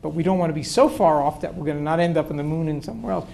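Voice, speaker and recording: An older man, a political science professor, gives lengthy answers to audience questions in a lecture hall and restarts often. He talks very fast in a mellow, creaky voice that's a little high.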